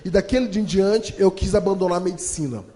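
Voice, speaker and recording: A man, telling a humorous story to an audience in an animated, fast-talking way. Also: sits high. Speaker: motivational storyteller. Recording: long hall reverb.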